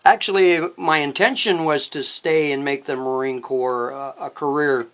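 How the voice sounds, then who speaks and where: Older male war veteran, remembering his service haltingly and earnestly; slightly high voice for a man. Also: fairly bright tone, clean tone. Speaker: interview guest, war veteran. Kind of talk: reflective personal recollection in an interview.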